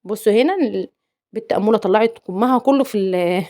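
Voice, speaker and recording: A woman's voice: mid-range voice, fast talker, darkish tone. A young Egyptian woman with an Egyptian accent narrating her cooking vlog, playful and teasing, repeating words for emphasis. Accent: Egyptian Arabic. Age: young adult. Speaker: cooking vlogger. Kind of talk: chatty home cooking vlog voice-over.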